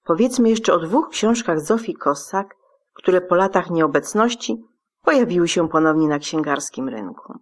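Female radio host, formal and measured, reading a prepared script in a lowish voice. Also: expressive. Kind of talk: scripted presentation.

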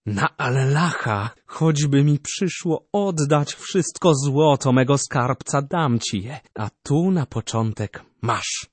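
A man voicing a stern, commanding male sultan who speaks curtly and slowly. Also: mid-range voice, lively intonation, slightly rough, no echo. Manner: curt, slow and hard.

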